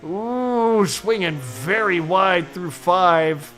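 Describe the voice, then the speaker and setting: A man calling a sim racing event as play-by-play commentator, excitable and quick to exclaim. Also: high-pitched, faint music behind.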